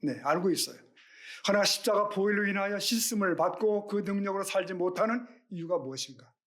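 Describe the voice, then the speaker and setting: A man's voice: high-pitched, lively intonation, fairly quick, fairly bright tone. A middle-aged male pastor giving a Sunday sermon, earnest and questioning, with rhetorical questions to the congregation.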